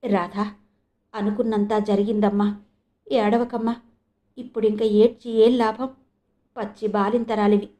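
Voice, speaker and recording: A woman's voice: mid-range voice, flat delivery, measured pace, pauses often, mellow, close to an everyday voice. A woman voicing a kindly older woman who comforts a young mother. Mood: soothing. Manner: soothing, pitying.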